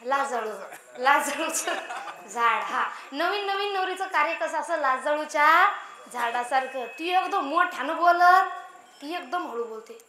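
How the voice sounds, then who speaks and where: A woman's voice: sits high, animated, unhurried, bright, forceful tone, a little hiss or hum. A woman kirtan preacher who gives a playful devotional sermon full of storytelling and teases her audience. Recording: echoey hall.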